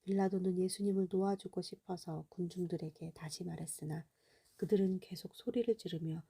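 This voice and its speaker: A woman reading scripture aloud in a soft, hushed bedtime voice that slips into a half-whisper. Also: lowish voice, steady tone, a little fast, vocal fry, husky. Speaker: Bible reader.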